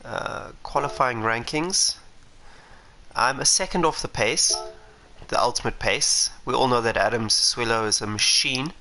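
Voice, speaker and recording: Here a South African racing driver thinks aloud during a sim racing livestream, his mid-range voice measured in pace yet pushed and bright. Underneath run the game's engine noise and car sounds.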